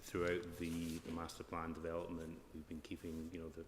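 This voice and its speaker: A man's voice: low-pitched, monotone, brisk. A man with a broad Scottish accent answering formally as an expert witness at an inquiry. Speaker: flood risk and drainage consultant giving evidence. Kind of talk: formal question-and-answer evidence at a planning inquiry. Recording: echoey hall with clear background noise.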